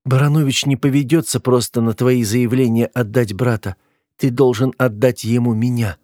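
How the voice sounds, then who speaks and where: A man's voice: medium pitch, steady tone, moderate pace, warm tone, no echo, studio quality, voice pushed up, lightly acted. A man reading an audiobook voices a frightened, tearful young woman, pleading with a raised voice.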